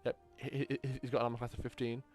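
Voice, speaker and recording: A man's voice: medium pitch, level tone, fast, darkish tone. Man, game master, tabletop narration, stammering restarts, light music behind.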